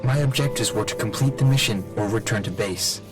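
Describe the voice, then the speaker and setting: A man voicing a damaged, malfunctioning male combat robot in a video game, giving clipped, flat status reports. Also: fairly low pitch, brisk, natural voice. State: malfunctioning, repeating system errors. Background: game music.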